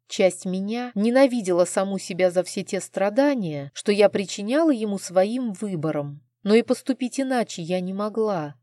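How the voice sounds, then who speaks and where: A woman's voice: medium pitch, dark tone, dry recording, clean studio sound. A woman narrating a first-person novel as an audiobook, reading with an emotional, heartfelt manner.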